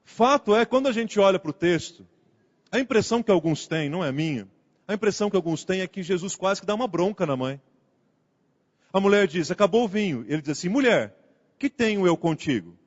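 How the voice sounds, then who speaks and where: A man's voice: sits high, lively intonation, brisk. A male pastor giving a conversational sermon, acting out the quoted dialogue as he goes. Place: church sanctuary. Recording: muffled sound with long hall reverb.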